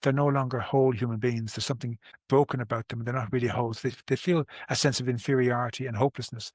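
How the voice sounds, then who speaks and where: A sixty-something Irish therapist describes his method conversationally, his medium-pitched voice fast and steady in tone. Earnest throughout, he repeats and restarts words and uses ordinary examples. It's a clean studio recording without echo.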